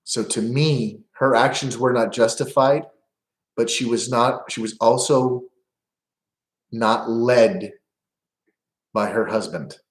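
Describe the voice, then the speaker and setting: A man's voice: mid-range voice, slow, long pauses. Blunt, profane man in an echoey room. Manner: blunt, profane, opinionated, lecturing. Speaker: livestream host. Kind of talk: unscripted opinion monologue.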